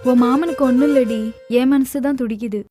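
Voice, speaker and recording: A woman's voice: sits high, a little fast, over music, close to an everyday voice. An actress playing a tender, anxious middle-aged mother who speaks in a pleading, emotional way, in film dialogue.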